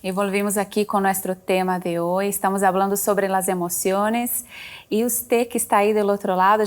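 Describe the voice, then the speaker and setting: A woman hosts a talk show in a fairly level, even voice. She poses questions to her guests, speaks to viewers at home and announces the break. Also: mid-range voice. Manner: steady listener, frequent affirming murmurs.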